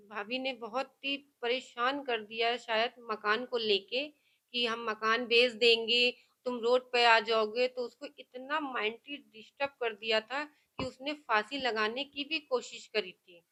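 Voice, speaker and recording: A woman's voice: a little high, fairly even intonation, unhurried, bright, forceful tone. A woman, the victim's sister, speaking emphatically and insistently in a news interview. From Kanpur. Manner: emphatic, insistent, words tumbling out. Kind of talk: news interview and heated argument.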